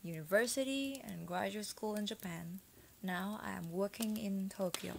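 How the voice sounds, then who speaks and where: A young woman from Vietnam telling a travel story to camera, soft and breathy, often dropping to a whisper. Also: medium pitch, normal speed, background noise. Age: 20s. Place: small indoor room, decorated set.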